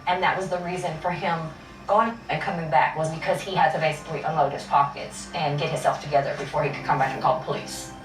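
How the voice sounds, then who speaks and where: A woman with a fairly low voice gives candid documentary interview testimony. She sounds slightly distant in an echoey space, with faint music behind her. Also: fairly even intonation, fast talker. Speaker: interviewee, victim's relative.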